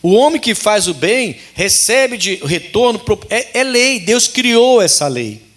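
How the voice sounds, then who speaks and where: A Brazilian pastor preaches with emphasis, hammering home his points by repeating them. His voice sits high for a man. It rises and falls widely as he drives each point home. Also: big pitch swings, measured pace, fairly bright tone. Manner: emphatic, repeats key phrases. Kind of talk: sermon. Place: church service.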